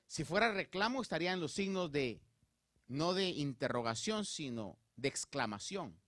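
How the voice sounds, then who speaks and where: This Spanish-language sermon features a man with a slightly high voice speaking at normal speed, recorded dry and at studio quality. He engages the congregation directly and often, preaching with animation and mounting emphasis.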